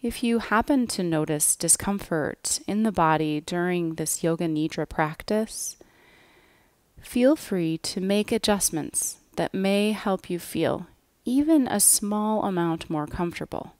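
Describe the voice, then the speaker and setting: This woman guiding a scripted yoga nidra meditation speaks expressively yet very slowly, in a voice on the low side, softening the ends of her phrases. It's recorded close and dry, with no room sound at all.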